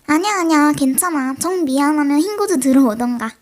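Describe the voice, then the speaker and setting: A woman's voice: high-pitched, expressive, a little fast, a little mellow. A teenage girl with a mild sore throat, playing a livestreamer who chats with and scolds imagined viewers in a scripted role-play. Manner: talks straight to imagined chat viewers, scolding and chatty. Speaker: solo role-play creator.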